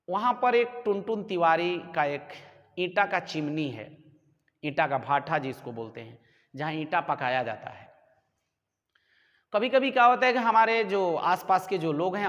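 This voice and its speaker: A man's voice: sits high, fairly bright tone. A male commerce teacher, giving a classroom lecture and explaining with homely examples. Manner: explains with homely examples, calls listeners "babu". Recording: echoey room with long reverb.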